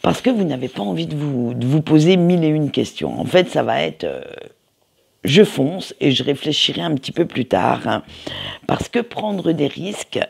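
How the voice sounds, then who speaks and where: A man's voice: a little high, expressive, normal speed, creaky, darkish tone, slightly rough. A man giving a casual weekly tarot reading, hesitant and full of fillers and restarts. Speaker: tarot card reader.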